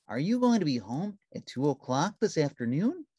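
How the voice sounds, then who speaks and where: A woman's voice: low voice, sing-song, moderate pace, warm tone, breathy edge, dry recording, clean studio sound, pitched above the performer's own voice, full character voice. A woman voicing a big, friendly, childlike male bird in a children's storybook. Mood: friendly, casual.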